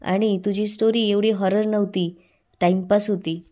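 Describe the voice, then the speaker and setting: An impatient young man from a TV serial presses a girl to explain herself, as a woman narrator reads him. His delivery is coaxing but even, with a soft, dark tone. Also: medium pitch, moderate pace, lightly acted.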